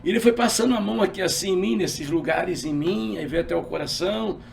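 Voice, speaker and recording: Homem carioca de voz rouca e aguda. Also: male voice, sits high, quick pace, gravelly, distant mic, slight background noise. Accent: carioca Brazilian Portuguese. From Rio de Janeiro. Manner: animated storyteller, acts out dialogue. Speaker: pastor. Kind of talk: personal testimony in an interview.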